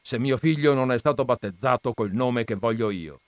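Man reading gruff defiant Peppone. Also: medium pitch, moderate pace, dry recording, voice pushed up, close to an everyday voice. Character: Peppone, gruff stubborn communist mayor, threatening. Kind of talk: dramatized audiobook reading.

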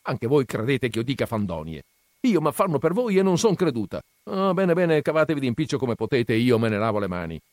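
A man's voice: medium pitch, big pitch swings, a little mellow, no echo, clean studio sound, voice pushed up. A man reading aloud and voicing a shrewd, talkative middle-aged peasant mother who argues insistently and takes offence easily. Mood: offended. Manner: insistent, persuasive, quick to take offence.

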